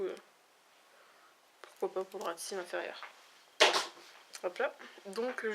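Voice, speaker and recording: A woman's voice: mid-range voice, a little hiss or hum. A woman reviewing a makeup palette in a casual vlog, talking in a hesitant, chatty way with many fillers. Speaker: beauty vlogger. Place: at home, near a window with backlight.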